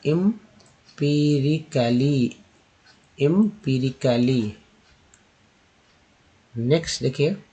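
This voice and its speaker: A man whose first language is Hindi, teaching English pronunciation slowly word by word, repeating each word and spelling out its sounds. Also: mid-range voice, dark tone, breathy edge, poor audio. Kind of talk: slow word-by-word pronunciation lesson.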